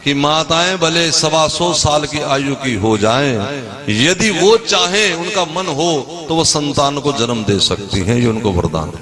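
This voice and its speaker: A man preaching a devotional sermon, telling scripture stories with animated energy and putting questions to his audience. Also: a little high, unhurried, crowd noise. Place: religious gathering before an audience.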